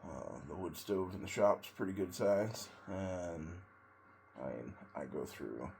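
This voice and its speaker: A man sitting in ice cold water, giving a casual, rambling monologue in a halting way with long pauses between short phrases. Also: sits low, animated, vocal fry, darkish tone, a little hiss or hum. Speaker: vlogger, tradesman in auto body and paint.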